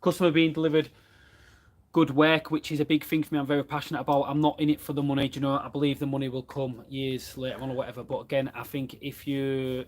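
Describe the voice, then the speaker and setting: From inside his van, a man chats casually about running his plumbing business during a live question-and-answer session, reading out viewer comments. He's chatty and plain-spoken, with a medium-pitched, flat delivery at a quick pace.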